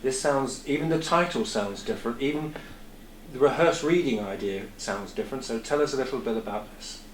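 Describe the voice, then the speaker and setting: A man's voice: mid-range voice, brisk. A man, asking informal questions as an interviewer. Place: off camera in indoor theatre foyer. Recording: roomy echo, background room noise.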